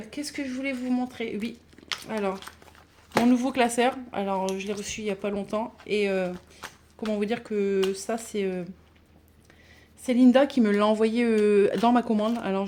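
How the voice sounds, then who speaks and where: A woman vlogging casually about her budget binders, chatty and halting with many fillers and restarts. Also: fairly high pitch, fairly even intonation, warm tone, a little hiss or hum. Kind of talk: casual chat showing binders.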